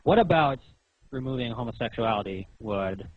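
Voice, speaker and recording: A man with a mid-range voice and lively intonation, speaking at normal speed, is the caller in a phone conversation full of pointed questioning. He explains and questions insistently, like a lecture, and the recording is muffled and roomy.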